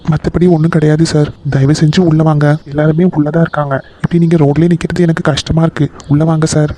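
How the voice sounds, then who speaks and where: A man's voice: on the high side, little pitch movement, fast talker, warm tone, lightly acted. A man voicing a polite young son-in-law in a cartoon, urgently coaxing his in-law to come inside. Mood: earnest, coaxing. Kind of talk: Tamil cartoon voice acting.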